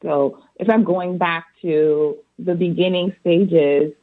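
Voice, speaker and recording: A woman's voice: fairly low pitch, fairly even intonation, takes it slowly. Woman from Barbados on a phone line. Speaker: guest, accountant and author. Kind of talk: interview answers.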